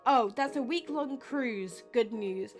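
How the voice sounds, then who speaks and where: A woman's voice: a little high, slow, soft background music. A woman voicing a chummy game character, a diner man who speaks in rhyming slang. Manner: swaps words for rhyming slang.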